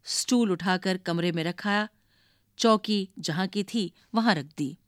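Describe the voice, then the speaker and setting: A woman reading a children's story aloud, narrating in a measured way and announcing page numbers. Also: medium pitch, no room sound, studio quality.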